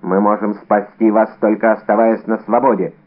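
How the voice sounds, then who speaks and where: A man's voice: on the low side, level tone, normal speed, natural voice. A man reading an audiobook, voicing a bold, cunning young musketeer with a brash, theatrical manner, in a narrow, phone-like recording. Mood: scheming.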